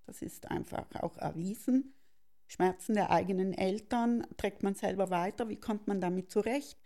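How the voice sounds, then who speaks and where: A middle-aged woman, thoughtfully telling her life story as an interview guest and often pausing to search for words. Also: medium pitch, warm tone. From South Tyrol, Italy. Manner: thoughtful, searching for words with many pauses and restarts. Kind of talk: reflective personal storytelling.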